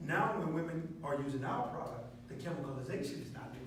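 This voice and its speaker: A man pitching a product to a live audience in an emphatic, preacher-like way, asking the crowd questions. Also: expressive, quick pace. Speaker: speaker presenting a product to an audience. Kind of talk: preacher-like sales talk with call and response. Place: meeting room with a live audience. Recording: echoey noisy room from far off.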